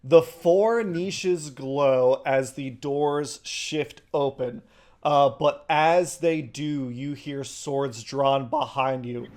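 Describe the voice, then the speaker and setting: A man's voice: mid-range voice, very slow, darkish tone. A man narrating a tabletop role-playing game as game master, improvising and chatting casually.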